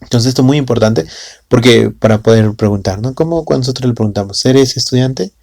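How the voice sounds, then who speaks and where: A man's voice: mid-range voice, fast, vocal fry, darkish tone, dry recording, clean studio sound. A man teaching a language lesson in a casual way in Spanish with a Latin American accent, often adding tag questions and fillers.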